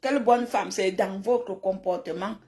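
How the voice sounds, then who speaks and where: A woman with a warm, medium-pitched voice chats at a moderate pace on a live stream, replying to what viewers write. Having grown up in a village in francophone Africa, she speaks bluntly and scoldingly, hammering points home and repeating them.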